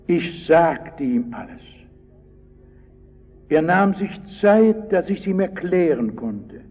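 A man's voice: a little high, very animated, slow pace, faint music behind. A man preaching a sermon, telling stories dramatically and speaking straight to his listeners. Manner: dramatic storytelling, addresses listeners directly. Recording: lo-fi recording with long hall reverb.

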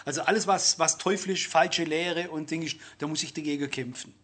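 A man's voice: on the high side, normal speed, a bit bright. A man preaching a sermon, earnest and speaking directly to his listeners. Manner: earnest, addresses listeners directly with rhetorical questions.

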